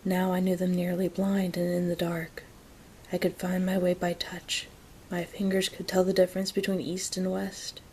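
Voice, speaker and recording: A woman whispering a story in a soft, gentle ASMR reading, taking her time. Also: on the low side, monotone, normal speed, a little hiss or hum. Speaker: reader of an audiobook-style story.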